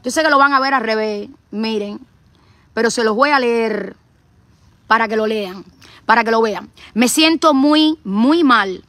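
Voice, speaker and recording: A woman's voice: a little high, normal speed, long pauses, pushed and bright, dry recording. A middle-aged woman from Cuba with a Cuban accent, giving an impassioned live stream as an activist streamer. She speaks in a fiery, repetitive, preacher-like way.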